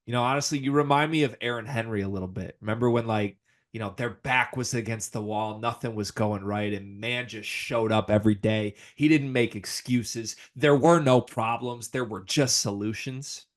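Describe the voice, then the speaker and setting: A man's voice: medium pitch, normal speed. An American man co-hosting a casual sports talk show, speaking emphatically in informal slang and hyperbole. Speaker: sports podcast host.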